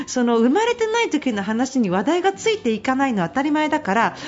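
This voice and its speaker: A middle-aged woman with a high, very expressive voice hosts a late-night radio advice show, chatting freely and laughing through her stories. A slight flavor colors her speech, and the broadcast audio sounds a little dull. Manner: chatty, laughs often, animated storytelling. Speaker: radio host and business consultant. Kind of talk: casual radio advice talk.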